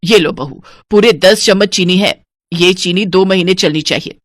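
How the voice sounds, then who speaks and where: Lady voicing a stingy cunning old mother-in-law, low voice, dry close sound, cartoon story. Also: no room sound, natural voice. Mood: firm. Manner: scolding, penny-pinching, counts slowly. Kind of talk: animated storybook voice acting.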